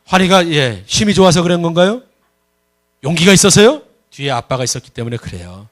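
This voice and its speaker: A man's voice: a little high, a bit bright. A male pastor preaching a Sunday sermon, emphatic, firing questions at the congregation and telling a personal story. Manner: tells a personal story with acted-out voices.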